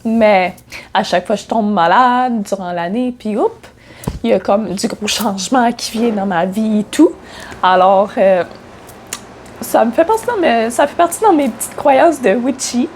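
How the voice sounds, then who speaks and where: Somewhat high, animated and a little slow, her darkish voice carries a bit of hiss or hum. She's a Quebec-accented spiritual coach in a casual vlog, chatty, a touch congested from a cold, with many fillers and restarts.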